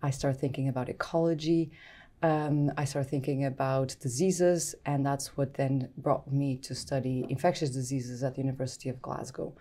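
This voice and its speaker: A middle-aged woman from Portugal with a Portuguese accent, a guest scientist talking thoughtfully in a podcast interview, with many pauses and ums. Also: extremely low pitch, fairly even intonation, warm tone. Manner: thoughtful, hesitant with frequent ums.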